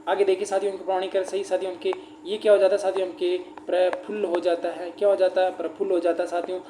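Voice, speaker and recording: A man's voice: sits high, level tone, fast, mellow. A male teacher leading an exam-prep grammar class, repeating rhetorical questions and calling his listeners friends. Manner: repetitive, keeps asking the class rhetorical questions; addresses listeners as friends and brother. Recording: roomy echo, faint background noise.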